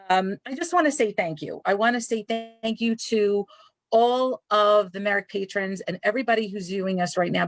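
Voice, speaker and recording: A librarian from Brooklyn, New York, with a Brooklyn accent hosts a live library author chat, effusive and chatty. Her medium-pitched voice is gravelly, and the recording is dry.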